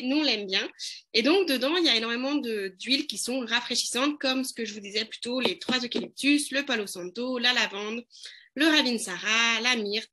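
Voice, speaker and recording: A woman's voice: a little high, sharp tone. A woman presenting an essential oil blend in a casual live demo, hesitant, with many fillers and restarts.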